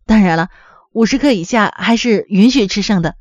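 A woman's voice: medium pitch, normal speed, darkish tone, no room sound, highs cut off, lightly acted. A woman doing a polite smiling waitress.

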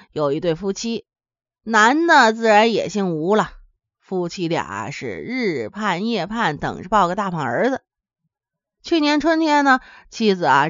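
A woman's voice: mid-range voice, dry recording. Woman storyteller from Henan, chatty, sing-song delivery; dull, dry lo-fi sound. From Henan, China. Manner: lively, chatty, addresses listeners directly. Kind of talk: folksy comic storytelling.

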